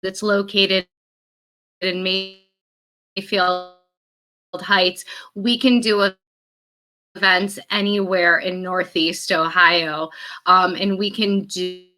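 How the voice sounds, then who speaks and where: A woman's voice: fairly low pitch, flat delivery, drawn-out words, pauses often, bright, forceful tone, low-quality recording. A woman speaking on a live video call interview as a wedding venue representative, her voice cutting in and out as the connection drops. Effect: voice cutting in and out on a dropping video call connection.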